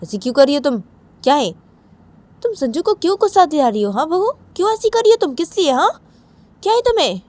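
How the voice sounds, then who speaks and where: A woman voicing an elderly grandmother who scolds her granddaughter-in-law over and over in a shrill, insistent voice. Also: big pitch swings, fast, darkish tone. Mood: scolding.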